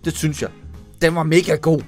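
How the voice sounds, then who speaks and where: Male YouTuber on animal-video reactions: a high, playful voice full of exclamations, over soft music. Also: level tone. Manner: playful, exclaiming, jokey asides. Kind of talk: comedic video reaction commentary.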